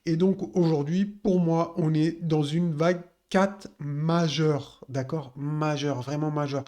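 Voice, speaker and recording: A man's voice: fairly high pitch, fairly even intonation, slow, dark tone. A man talking casually through a crypto chart analysis, addressing viewers directly with many fillers.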